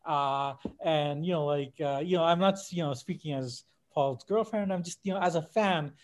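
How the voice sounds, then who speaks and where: A man appearing as a guest or co-host on a podcast about a film retells anecdotes casually but hesitantly, in fragments, often hunting for the right words. His voice is a little high and his pace moderate.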